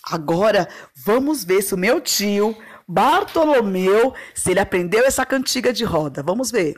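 A woman's voice: medium pitch, expressive, moderate pace. A woman, a preschool teacher talking in a playful, singsong way to young children. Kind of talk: lively talk to young children.

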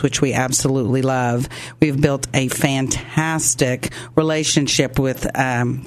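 A man's voice: fairly high pitch, no echo. A man with an Oklahoma accent hosting a chatty, promotional radio show in a folksy, informal way with playful slang. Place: small studio in an office.

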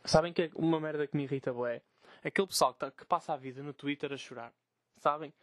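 Young portuguese guy ranting on his podcast, high voice, talks super fast, cursing a lot, dry close sound. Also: dry recording. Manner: swearing, animated, mocking quoted voices. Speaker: podcast host. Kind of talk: casual solo podcast rant. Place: bedroom.

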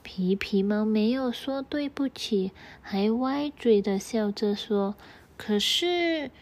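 A woman telling a children's story in a slow, soothing way. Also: mid-range voice, warm tone.

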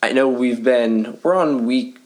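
A man co-hosting a faith podcast in casual chat, talking quickly and laughing often, recorded in a living room full of pillows. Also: medium pitch, a little mellow. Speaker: podcast co-host.

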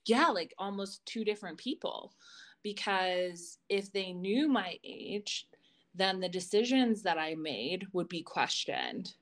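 A woman co-hosting a podcast tells personal stories in casual chat, candid and informal, with some swearing. Her mid-range voice is fairly bright and animated, though she talks at a slow pace.

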